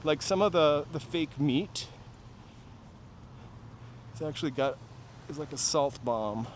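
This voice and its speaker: A man from New Hampshire walks city streets on a livestream, chatting casually to viewers in rambling asides. His fairly high voice takes things slowly, while traffic, passing vehicles, and urban ambience fill the background.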